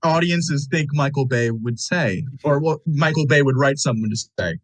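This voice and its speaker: A man's voice: medium pitch, moderate pace, no echo, rough recording. A young man co-hosting a casual movie podcast, opinionated and rambling, restarting his sentences. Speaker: podcast co-host.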